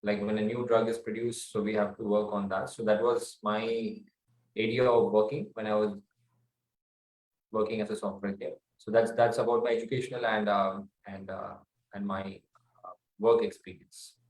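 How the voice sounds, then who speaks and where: A man from South India with an Indian accent, answering interview questions earnestly with many fillers and pauses. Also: lowish voice, little pitch movement, a little mellow. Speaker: guest author and researcher. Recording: roomy echo.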